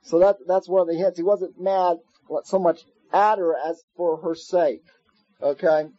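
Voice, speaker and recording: A man giving a Torah class, explaining verses in a conversational way and telling stories with lively asides, on an old tape recording. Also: high voice, measured pace, muffled recording. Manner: conversational, animated storytelling with asides. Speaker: Torah teacher.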